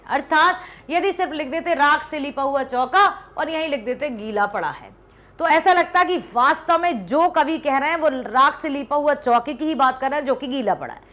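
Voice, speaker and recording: A woman with a high voice gives an online lesson. She explains patiently, step by step, and keeps stopping to ask the students whether it is clear. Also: fairly bright tone. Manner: explanatory, asks checking questions. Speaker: teacher. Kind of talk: classroom-style online lesson.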